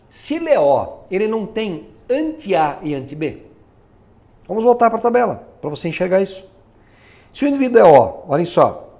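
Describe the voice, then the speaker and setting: A man's voice: a little high, mellow. A man teaching a recorded lesson, explaining step by step and asking rhetorical questions as he works at a board.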